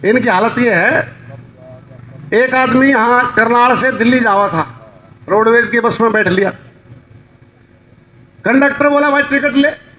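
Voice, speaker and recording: A man's voice: very high-pitched, a little slow, long pauses, bright, forceful tone, a little hiss or hum, low-quality recording. A man giving a mocking rally speech, spinning folksy stories to make his points. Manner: rhetorical, mocking, storytelling. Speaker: protest rally speaker. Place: outdoor protest rally.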